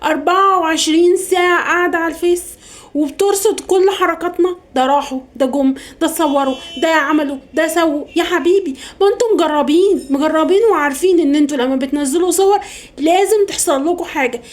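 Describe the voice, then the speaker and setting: A woman's voice: extremely high pitch, quick pace. A woman with an Egyptian Arabic accent voicing a fussy, superstitious middle-aged mother in a comedy sketch, scolding and gossiping. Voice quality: scolding, then hushed gossipy phone chatter.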